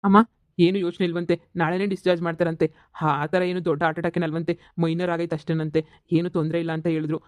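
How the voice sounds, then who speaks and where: A man plays a young cartoon son who steadies his parents, speaking quickly and firmly in an even, flat voice. The recording is close and dry. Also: on the high side, no echo, natural voice. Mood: reassuring. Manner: firm, reassuring, brisk. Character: young adult son, calm and reassuring. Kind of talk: cartoon voice acting.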